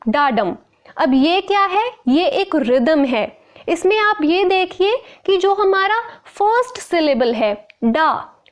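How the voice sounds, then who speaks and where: A woman teacher explaining a lesson in a clear, slow way, repeating key terms. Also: very high-pitched. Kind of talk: Hindi-English explanatory lesson.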